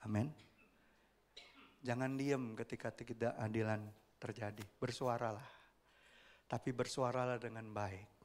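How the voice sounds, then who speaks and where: A man preaching a sermon as pastor, lively and often asking the congregation questions. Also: mid-range voice, a little slow, long pauses. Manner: animated, asks the congregation questions, acts out quoted voices.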